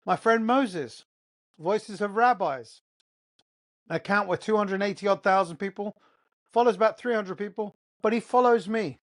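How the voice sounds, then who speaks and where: Speaking at a moderate pace in a voice that sits high, a man with an English accent runs his own one-person podcast. Born in Qatar and raised in England, he delivers his lines with emphasis and keeps posing rhetorical questions.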